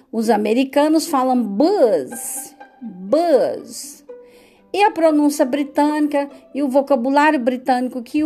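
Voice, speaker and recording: A Brazilian woman with a Brazilian Portuguese accent teaches English vocabulary in a casual monologue, repeating words and adding frequent tag questions. Her voice is high with a darkish tone.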